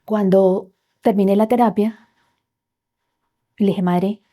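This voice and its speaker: A woman telling a personal story as a podcast guest, heartfelt and often dropping to soft near-whispers. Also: medium pitch, fairly even intonation, takes it slowly.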